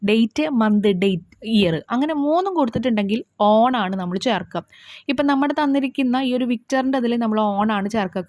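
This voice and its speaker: A woman teacher walking students through exam answers, reading questions slowly and carefully, then explaining briskly. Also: fairly high pitch, darkish tone, no room sound.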